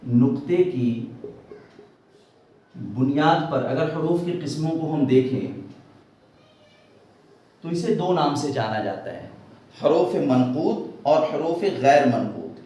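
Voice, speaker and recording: Male grammar teacher, slow, repetitive, leans on tag questions; raised pitch, boomy echoey room. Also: animated, dark tone. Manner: asks questions and answers them himself. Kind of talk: Urdu grammar lesson.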